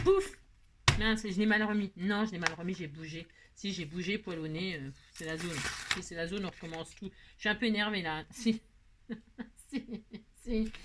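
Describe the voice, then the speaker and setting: A woman's voice: medium pitch, a bit bright, a little hiss or hum. A woman hosting a chatty crafting tutorial, rambling and self-mocking, talking to herself as she works. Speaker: craft video host.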